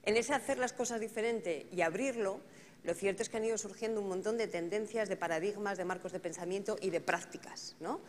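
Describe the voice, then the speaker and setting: A woman with a medium-pitched voice moderates a conference panel, talking a little fast and thinking out loud, often checking in with tag questions. The conference hall adds reverb and faint ambience, and there's a little hiss or hum.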